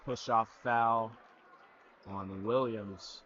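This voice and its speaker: Bright-voiced teen basketball announcer. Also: male voice, fairly low pitch, very slow. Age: teens. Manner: excitable, breaks into loud cheering. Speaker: student play-by-play announcer. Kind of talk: high school basketball play-by-play. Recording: dull lo-fi webcast audio with faint gym noise.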